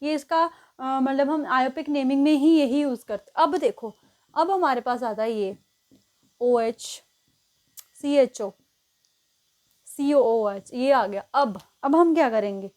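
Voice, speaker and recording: High-voiced woman teaching chemistry. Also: takes it slowly, long pauses, darkish tone. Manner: explains step by step, counts positions aloud, often checks with "ठीक है". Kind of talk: exam-prep lesson at a board.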